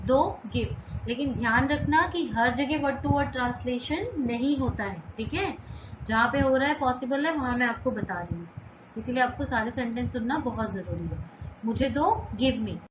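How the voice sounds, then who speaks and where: A woman teaching English phrases in a slow, repetitive lesson, asking questions and then answering them herself. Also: high voice. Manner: repeats each phrase slowly, asks and answers her own questions. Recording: roomy, dull, noisy home recording.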